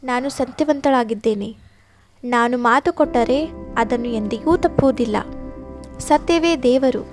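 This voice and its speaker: A woman reading a calm, truthful mother cow. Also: on the high side, measured pace, faint music behind, lightly acted.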